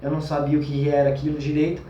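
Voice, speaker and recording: A man's voice: fairly high pitch, completely flat delivery, highs cut off, a little hiss or hum. Brazilian man recounting a scare in a roomy space. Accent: Brazilian Portuguese. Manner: intense, shifts between fast agitated bursts and slow hushed trailing, many fillers. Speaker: vlogger telling a personal experience. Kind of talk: personal storytelling. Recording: roomy, mic at a distance.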